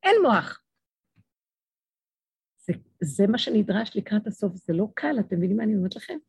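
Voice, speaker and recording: A woman's voice: animated, vocal fry, a little mellow, breathy edge, no echo. A middle-aged woman giving an emotional religious talk to an audience, acting out dialogues as she speaks. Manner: impassioned, acts out dialogues with swinging pitch.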